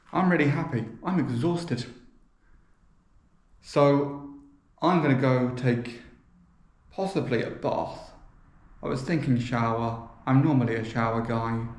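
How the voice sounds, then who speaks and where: A man chatting casually as he vlogs, his voice echoing heavily around a nearly empty indoor room. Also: mid-range voice. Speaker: vlogger. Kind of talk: casual chat to camera.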